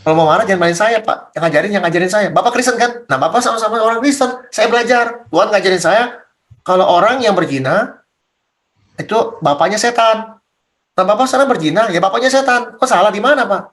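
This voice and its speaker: A man's voice: high-pitched, brisk, a bit bright. A man as a pastor leading a Bible study, talking bluntly and casually, firing rhetorical questions at his listeners.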